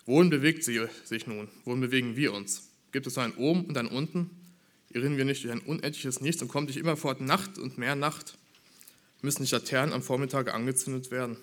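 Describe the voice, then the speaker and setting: A man preaches a sermon in an earnest, measured voice that sits at an ordinary middle pitch. He builds his points through rhetorical questions aimed at the congregation. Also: a bit bright.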